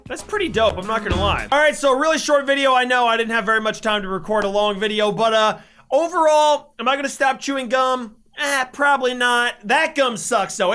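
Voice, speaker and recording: A man's voice: high-pitched, bright, forceful tone. A man doing casual, joking reaction commentary as a host, with a slangy, crude, self-mocking manner.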